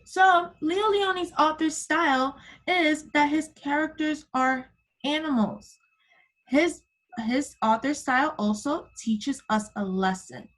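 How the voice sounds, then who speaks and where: This high-voiced woman is a kindergarten teacher guiding young children through an interactive lesson on a video call. Through a computer microphone, she coaxes them along with simple prompts and terms of endearment.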